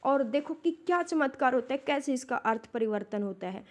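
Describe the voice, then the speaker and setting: A woman teacher lecturing her students, asking rhetorical questions and explaining each point slowly and deliberately. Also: high-pitched, animated. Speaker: Hindi literature lecturer. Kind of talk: classroom lecture.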